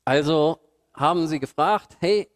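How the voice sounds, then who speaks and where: A man delivers a sermon in a church hall in a colloquial, humorous way, full of rhetorical questions. His voice sits a little high for a man. Long reverb from the hall trails each phrase. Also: lively intonation, a little slow, darkish tone. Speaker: preacher. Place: church hall with projected slides.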